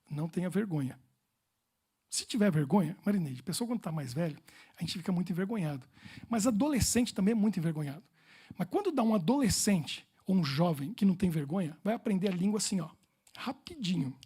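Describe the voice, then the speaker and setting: A man's voice: sits high, warm tone, slightly rough. A Brazilian man preaching as a pastor, telling personal stories with humor and playful repetition.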